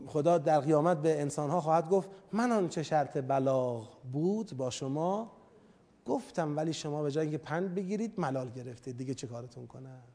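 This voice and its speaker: A high-voiced preacher speaking as God, a maker pleading with stubborn people. He talks in an exasperated tone and argues like a craftsman with a doubtful customer. He pushes each point with insistent emphasis. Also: dark tone, in a large hall. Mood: reproachful.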